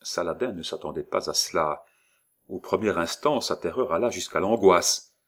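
A man reading a classic novel aloud in a measured storytelling manner. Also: deep voice, a bit bright. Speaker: audiobook narrator. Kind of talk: scripted literary narration.

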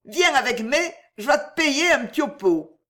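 A woman's voice: high voice, expressive, measured pace, fairly bright tone, pitched above the performer's own voice. A woman voicing a drunk, crying woman who calls and pleads with slurred, whining words. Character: drunk weepy woman stuck on a staircase.

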